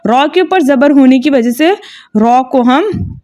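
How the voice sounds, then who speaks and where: A woman with a high, clear-pitched voice leads a recitation lesson. She explains every rule slowly and methodically, checking in with her listeners again and again. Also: lively intonation, a little mellow. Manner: patient, methodical, repeats "okay" and checks understanding; slow drawn-out chanting when reciting verses. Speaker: Quran recitation teacher. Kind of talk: tajweed lesson with recited examples.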